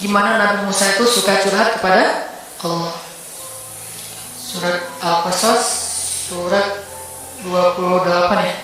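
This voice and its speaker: Gentle man preaching in an echoey hall. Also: high-pitched, fairly even intonation, measured pace, pauses often. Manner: gentle and conversational, acting out quoted prayers softly. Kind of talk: casual sermon storytelling. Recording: echoey hall from far off, faint music.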